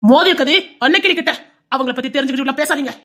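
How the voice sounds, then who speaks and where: A woman with a Tirunelveli Tamil accent playing a nervous, cautious male lawyer who gives hurried warnings. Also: high voice, fairly bright tone. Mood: worried.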